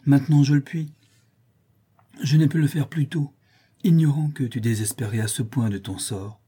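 Audiobook: grave earnest father-prince male narrator, warm, breathy, somewhat raised. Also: medium pitch, steady tone, normal speed, voice pushed up, lightly acted. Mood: solemn. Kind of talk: audiobook reading.

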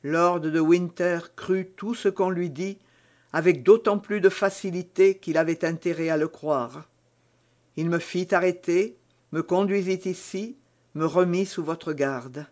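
A man's voice: high voice, a little slow, darkish tone. A man doing Milady, a desperate noblewoman. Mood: pleading. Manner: pleading, theatrical. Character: scheming captive noblewoman, desperate and seductive. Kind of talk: audiobook reading.

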